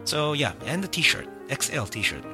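A man's voice: on the high side, big pitch swings, a little slow, over music. A man hosting a podcast, chatting casually and rambling with many fillers and restarts. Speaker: podcast host.

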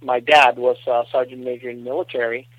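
A man's voice: medium pitch, flat delivery, quick pace, dry recording. A man raised in Puerto Rico, a podcast guest speaking from his apartment, talking hesitantly with many fillers. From United States, raised in Puerto Rico. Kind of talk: casual interview chat. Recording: dull dry call line.

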